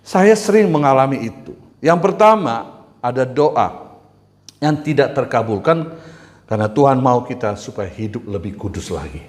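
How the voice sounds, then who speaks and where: A man's voice: medium pitch, lively intonation, normal speed. A middle-aged male pastor preaching a sermon in a conversational way, with emphatic bursts and calls to the congregation. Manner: conversational preaching with rising emphatic bursts and audience call-and-response. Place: church hall. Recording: roomy echoing church hall.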